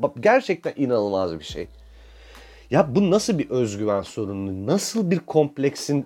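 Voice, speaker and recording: A man's voice: on the high side, a little mellow. A man in his thirties from Turkey, ranting profanely and mocking himself in a casual monologue, often breaking into laughter. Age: 30s.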